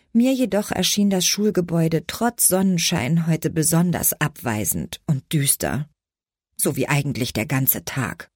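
A woman reading a first-person audiobook in a measured, expressive storytelling manner. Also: sits low, dry recording, clean studio sound. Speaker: audiobook narrator.

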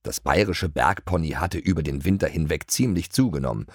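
Low husky guy reading a kids' storybook, very animated, dry close sound. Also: fairly quick, dry recording. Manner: lively storytelling. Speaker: audiobook reader. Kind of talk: scripted children's audiobook narration.

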